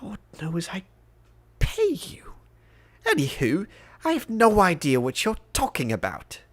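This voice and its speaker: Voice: huge pitch swings, a little slow. A game master voicing a grumpy male nobleman roused at night, irritable and prone to exclaiming. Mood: irritated. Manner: irritable, exclaiming, pitch leaping high. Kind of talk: tabletop role-play voice acting.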